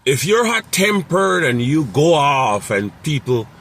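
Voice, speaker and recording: A man's voice: on the high side, sing-song, a little slow, a bit bright, a little hiss or hum. A man who runs a mobile mechanic business, giving casual, rambling advice with many fillers and repeated phrases.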